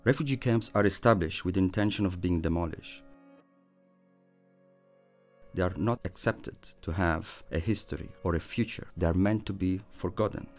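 A man reading a scripted, measured narration as a voice-over. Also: low voice. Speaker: presenter. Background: faint music.

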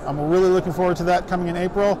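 The clip captures a product pitch at a busy trade show, where a middle-aged man describes his company's photo software amid crowd noise. His high-sitting voice keeps a fairly even intonation as he explains briskly and steadily, often filling gaps with "um."

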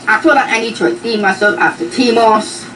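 A woman's voice: a little high, brisk, recorded from a distance, background noise, natural voice. A woman doing an impression of an upbeat male YouTube host who delivers a scripted video intro.

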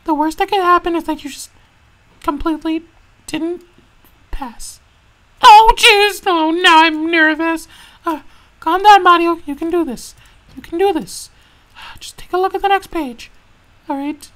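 A woman plays Mario, a jittery young racer who stammers and repeats himself over and over. His voice sits very high, and he frets aloud in a fan-made toy video. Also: fairly even intonation, measured pace, pauses often, a bit bright. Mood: anxious.

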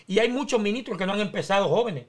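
High-voiced man explaining scripture. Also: expressive, fast. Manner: teaching, explains Bible stories step by step. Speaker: preacher in panel talk.

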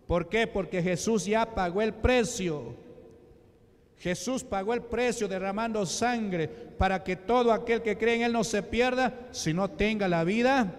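A man with a Peruvian Spanish accent preaching a sermon as a deacon, slow and emphatic, with rhetorical questions and sudden drops to a low voice. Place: church sanctuary. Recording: reverberant church hall.

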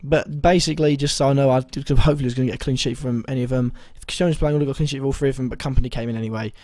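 A young man with a slightly hoarse voice that is still recovering, talking through his fantasy football week in a rambling way, full of ums and self-corrections. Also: mid-range voice, fairly even intonation, very fast, a little mellow, no room sound. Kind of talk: casual video commentary.

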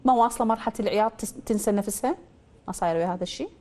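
An Iraqi woman hosts a call-in astrology show at a breakneck clip. Her pitch sits in an ordinary middle range. She fires off probing questions, then delivers her readings with firm certainty. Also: very fast, dark tone. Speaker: astrologer host.

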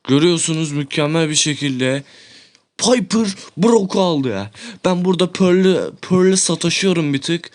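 A young man with a slightly high voice narrating his gameplay in an excitable rush. He swears often and breaks into loud shouts, recorded on a desk mic in an indoor room. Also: normal speed. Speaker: gaming YouTuber.

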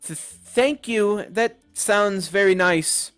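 A timid, gentle mare pony from a cartoon game, as a man puts her on, pitched up and halting. She talks softly and hesitantly, with light music faintly behind. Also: smooth. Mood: shy. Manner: soft, hesitant, stammering.

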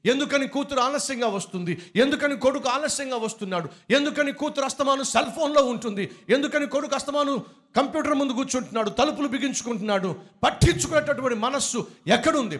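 A man's voice: very high-pitched, animated, quick pace, a bit bright. A male pastor preaching a rebuking sermon with rhetorical questions, then leading a pleading prayer. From India.

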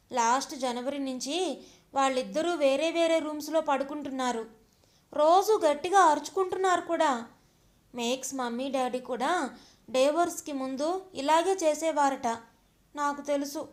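A small anxious boy with a very high, childlike voice, pleading and half sobbing as he speaks, as a woman storyteller puts him on. He sounds young and fragile throughout the storybook scene. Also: unhurried, long pauses. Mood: distressed. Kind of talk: audio story reading.

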